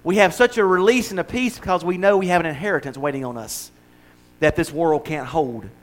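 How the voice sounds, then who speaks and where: A pastor in his sixties delivers a conversational sermon in a fairly high, slightly fast male voice. He blends humor with emphatic repetition that keeps building.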